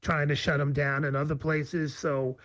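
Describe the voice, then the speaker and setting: Casual, affirming man host, fairly high. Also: flat delivery, normal speed, a bit bright, no echo. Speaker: interview host. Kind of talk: conversational interview.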